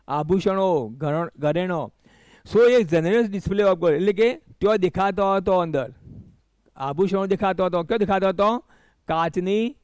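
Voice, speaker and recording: A man with a Gujarati accent explains a school English lesson in a fairly high voice, often stopping to check that his students follow. He reads the English lines slowly, word by word. The recording is dry and close, with no room sound. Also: darkish tone, no room sound. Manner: repeats questions to students, frequent "barabar?" checks. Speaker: teacher. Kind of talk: classroom-style lesson explaining an English text.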